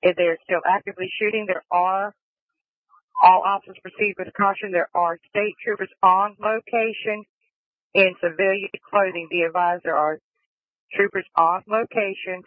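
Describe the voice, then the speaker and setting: A man's voice: high-pitched, fairly even intonation, moderate pace, dry recording. A male police dispatcher on a police radio channel, relaying calls in clipped phrases and repeating key details. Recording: tinny dry radio transmission.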